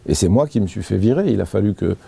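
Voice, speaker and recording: A man's voice: fairly low pitch, expressive, fast, gravelly, mellow, breathy edge, dry recording. A man being interviewed, giving an earnest personal account with many hesitations and restarts. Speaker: interview guest.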